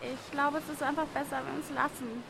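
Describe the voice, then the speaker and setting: A woman's voice: high-pitched, steady tone, a little fast, creaky, background noise. Woman playing a timid anxious young contestant. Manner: hesitant, anxious.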